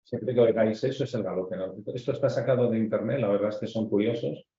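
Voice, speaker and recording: A man's voice: lowish voice, quick pace, warm tone, a little hiss or hum. A man from Spain with a Castilian accent, a pediatric cardiologist giving a medical lecture to residents, explaining step by step with frequent filler words. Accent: Spanish from Spain. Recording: dull, echoey lecture audio.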